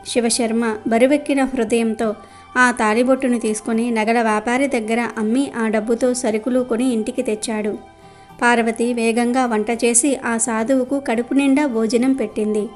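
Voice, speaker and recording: A woman with a fairly high voice tells a devotional folk story in a steady, gentle manner. Soft music runs quietly underneath. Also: normal speed.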